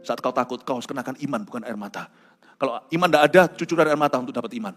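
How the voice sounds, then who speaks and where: A male pastor preaching a dramatic sermon, swinging between hushed lines and shouts and mixing in English phrases. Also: medium pitch, lively intonation, racing. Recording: reverberant hall with soft music behind.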